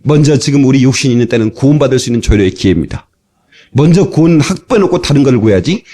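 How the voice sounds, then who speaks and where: A middle-aged male pastor preaching a sermon from an old cassette tape, animated and playful, acting out lively quoted dialogue. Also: medium pitch, fast.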